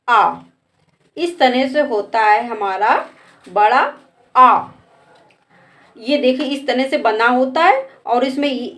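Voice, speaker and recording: Slow, high-voiced woman teacher. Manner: patient, repeats each sound and asks the class to answer. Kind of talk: slow step-by-step lesson.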